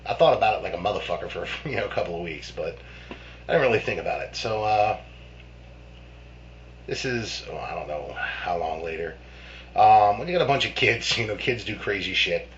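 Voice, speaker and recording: A man's voice: fairly low pitch, expressive, fairly quick, fairly bright tone. A man casually telling a childhood ghost story in a rambling, profane way, full of restarts and fillers. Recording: dull lo-fi with faint hum.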